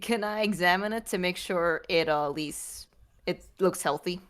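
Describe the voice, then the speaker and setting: A woman's voice: on the low side, normal speed, a bit bright. A woman playing a tabletop game, talking playfully and laughing a lot. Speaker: player. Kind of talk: tabletop role-play.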